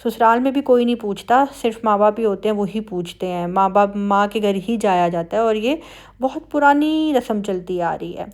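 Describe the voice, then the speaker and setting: A family vlogger with a Pakistani Punjabi accent does a casual voice-over, talking in a chatty, conversational way. Her mid-range voice moves at a moderate pace.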